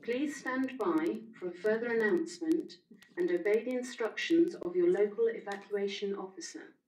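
Woman's emergency announcement over a PA system. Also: medium pitch. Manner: measured, deliberate and repetitive. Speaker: incident control officer making a building announcement. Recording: echoey loudspeaker heard from far off.

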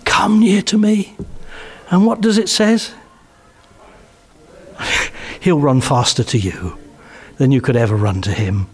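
An older man with an English accent delivers a sermon in a church hall. His voice sits a little high, and he speaks earnestly and with emphasis, often sinking to soft, intimate phrases. He is picked up by a headset mic. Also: steady tone, slow pace, long pauses, breathy edge. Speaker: preacher.

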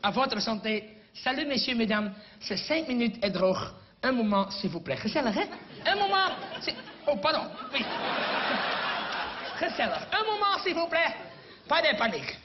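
A man's voice: very high-pitched, big pitch swings, moderate pace, voice pushed up. A man putting on a hammy fake-French male wine waiter who mixes broken French with Dutch words. He giggles between phrases. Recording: dull lo-fi recording, noisy crowd.

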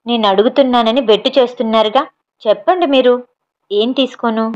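A woman's voice: fairly high pitch, brisk, a little mellow, lightly acted. A woman voicing a playful young woman officer who presses insistently for an answer, on a slightly dull recording.

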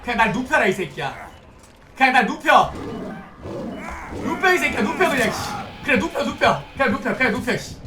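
Over music, an excitable high-voiced male streamer narrates his gameplay live, a little fast and pausing often, cursing a lot and loudly begging his teammates. His distant mic gives a roomy sound with faint background noise.

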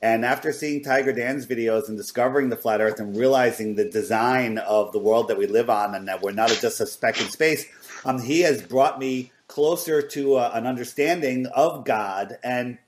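A man's voice: mid-range voice, normal speed, a little hiss or hum. Rambling man in an echoey room. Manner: rambling, with many "you know"s. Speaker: podcast co-host. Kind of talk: casual podcast talk.

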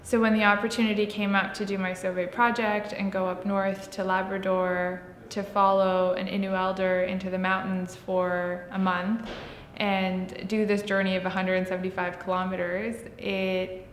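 A woman's voice: little pitch movement, normal speed. A woman in her thirties from Pakistan, answering interview questions in an earnest, fluent way. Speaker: program alumna, human rights worker. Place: indoor room with shuttered window. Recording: echoey hall-like room with faint rumble.

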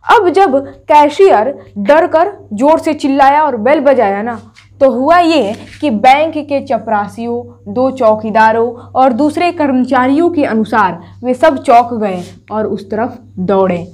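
A woman's voice: high voice, animated, unhurried, darkish tone. A woman teacher explaining a story chapter to students in an online class. She repeats each point and asks herself rhetorical questions as she goes. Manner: addresses students directly, telling them to take screenshots.

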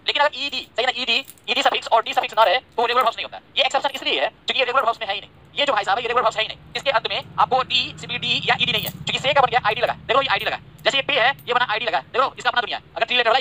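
A man's voice: extremely high pitch, pushed and bright. A man teaching an online grammar lesson, repeating each point and checking that students follow, with chatty, teasing asides.

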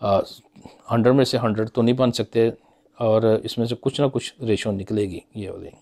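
A middle-aged man from Pakistan talks straight to the camera from a small office, recorded on a phone held at arm's length. He thinks aloud in a loose, conversational way, pausing on fillers as he works through his figures. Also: mid-range voice, fairly even intonation, a little mellow. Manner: conversational, musing, with many fillers and hand gestures. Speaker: business commentator. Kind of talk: casual talk to camera. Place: small office with framed certificates on the wall.

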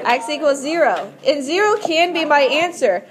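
A woman's voice: sits high, expressive, moderate pace, a crowd in the background. A woman teaching a math class step by step in a patient, instructive way, often asking questions to check understanding. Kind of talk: classroom lesson, explaining step by step.

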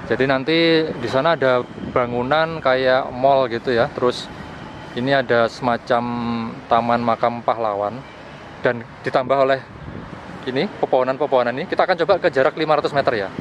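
A young man's mid-range voice comes through lo-fi and a little fast, with fairly even intonation. Walking outdoors through plazas, a park and streets, he casually explains a field test for his gadget review channel and repeats things. The arm's-length camera captures loud outdoor ambience.

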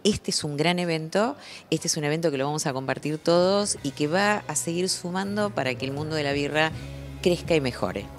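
A woman's voice: low-pitched, fairly quick, soft background music. Chatty woman interviewing at a festival. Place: beer festival hall, indoors. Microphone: handheld mic.

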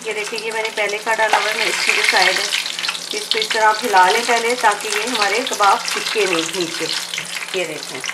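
A woman's voice: medium pitch, steady tone, moderate pace. A woman hosting a cooking channel, chatting viewers through a recipe step by step in her home kitchen, with oil frying in a pan behind her. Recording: roomy kitchen echo, faint background noise.

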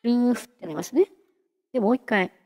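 A woman hosting a casual software tutorial, chatty and giggly, talking her way through a live demo. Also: on the high side, a little fast, in a large hall, faint music behind. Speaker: VTuber host teaching singing-synth software.

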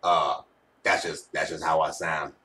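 A man voicing a gruff, apologetic sports fan with a throaty smoker's rasp, drawling and exaggerated, in a home video. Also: extremely low pitch, level tone, unhurried, bright, forceful tone, voice pushed down, heavily acted. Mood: mock apology. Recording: home webcam, slightly distant mic.

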